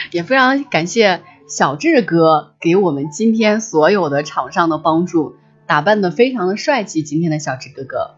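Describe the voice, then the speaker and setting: A woman's voice: lowish voice, expressive, normal speed, slightly rough, highs cut off, soft background music. A woman hosting a livestream, chatting casually and reflectively and often restating her phrases. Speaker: livestream host. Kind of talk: casual reflective chat with listeners.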